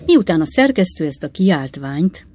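A woman narrating a classic novel as an audiobook in a measured, expressive storytelling manner, with a husky voice. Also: fairly low pitch.

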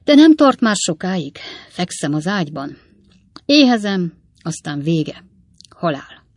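A woman's voice: fairly low pitch, very animated, darkish tone, dry recording, clean studio sound. A woman doing a choppy-talking broke swindler. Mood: grim. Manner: clipped, choppy phrases. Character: down-and-out male swindler, clipped jerky talker.

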